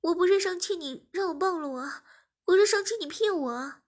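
A woman's voice: very high voice, moderate pace, pitched above the performer's own voice. A woman voicing a shy young wife who gets flustered and pleads easily. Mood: upset pleading.

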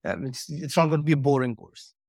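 A man's voice: medium pitch, expressive, quick pace, darkish tone, no room sound, clean studio sound. Man explaining over a video call. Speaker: guest course creator. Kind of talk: casual interview chat.

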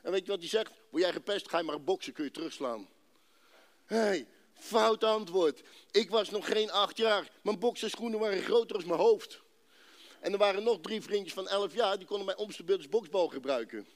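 Man, from Rotterdam, rather high pitch, faith testimony, emphatic storytelling, long pauses. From Netherlands, Rotterdam. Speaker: speaker giving a personal testimony. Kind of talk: emotional faith testimony to a congregation.

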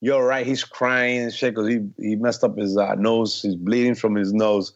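A man telling stories in casual chat, animated, peppering his talk with "man" and swearing freely. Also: fairly low pitch, normal speed, highs cut off. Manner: animated storytelling, says "man" often, swears.

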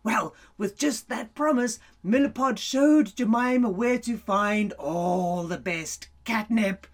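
A woman reading a children's story aloud in an animated way, laughing often and dropping to whispers. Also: medium pitch, takes it slowly.

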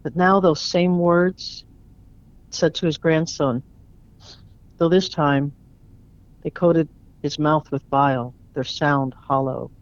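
A man's voice: fairly high pitch, steady tone, slow, long pauses. A man, a guest author, reading his own short story aloud in an earnest, reflective spoken word style. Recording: dull lo-fi recording.

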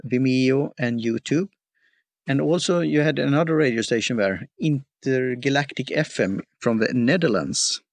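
A man hosting a podcast interview, talking haltingly and often stopping to search for words. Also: mid-range voice, gravelly, no echo. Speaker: podcast host. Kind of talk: casual interview.

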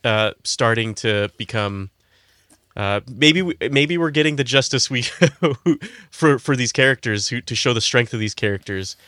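A man's voice: mid-range voice, a little slow, bright, forceful tone, no echo. A man co-hosting a casual podcast, thinking aloud hesitantly with many fillers. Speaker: podcast co-host. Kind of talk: casual fan podcast chat.

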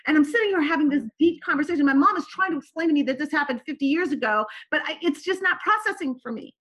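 Quick and high-pitched, a Turkish-speaking woman narrates personal experiences as a podcast guest. Her animated telling is sprinkled with a habitual "right?" after her phrases.

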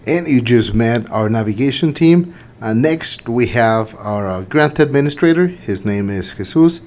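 A man's voice: mid-range voice, animated, unhurried, darkish tone. A man from Mexico hosting a podcast and speaking in an earnest, reflective way, with many fillers and restarts. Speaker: host, center director. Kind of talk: podcast hosting and personal sharing.

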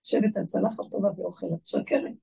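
A woman's voice: medium pitch, steady tone, creaky, mellow, far from the mic, rough recording. A woman giving a religious talk to a live audience. She asks her listeners questions and chants lists of single words. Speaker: spiritual teacher.

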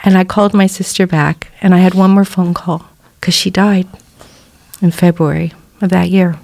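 Earnest lower-voiced woman telling her story. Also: steady tone, normal speed, creaky, a little mellow, no echo. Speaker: guest. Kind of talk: personal testimony in a church podcast interview.

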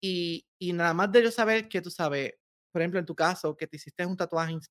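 A man, an author being interviewed on a podcast, talking in an animated and emotional way. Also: high voice, fairly quick, dry recording, studio quality. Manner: emotional, animated, laughs often. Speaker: author guest.

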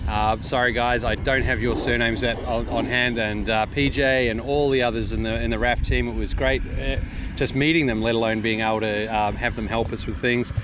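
A man's voice: fairly even intonation, moderate pace. A man with an Australian accent co-hosting in a casual, matey way, full of effusive thanks. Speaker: podcast co-host. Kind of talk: casual chat. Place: outdoors at an air show. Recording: noisy outdoor site with engine rumble.

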